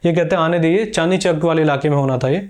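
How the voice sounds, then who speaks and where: A male teacher with a somewhat high voice walks students through history as a story. He explains step by step and answers questions from his viewers. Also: very fast. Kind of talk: exam-prep history lesson.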